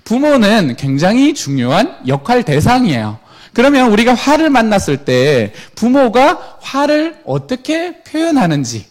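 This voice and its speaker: A middle-aged man giving a lecture to parents, animated, acting out quoted parents and children. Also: extremely high pitch.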